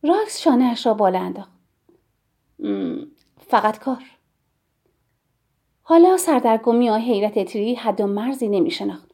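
A woman narrates a novel in the first person, in a measured, expressive storytelling manner. Her voice sits fairly high for a woman. The tone is warm and mellow rather than bright. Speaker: audiobook narrator.

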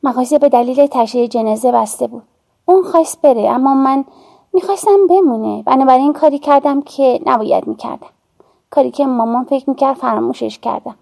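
A woman narrating an audiobook in a measured storytelling manner with soft, hushed dips. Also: high-pitched, creaky.

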